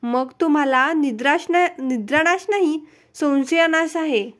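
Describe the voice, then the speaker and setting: A woman voicing a wisecracking male doctor in a joke, giving calm, knowing replies. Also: sits high, a little slow, very noisy. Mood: wry.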